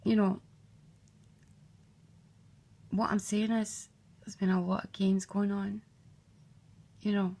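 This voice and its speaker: A woman's voice: medium pitch, flat delivery, measured pace, warm tone. A woman telling her own life story in a blunt, candid way, swearing freely and acting out what others said. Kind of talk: personal storytelling.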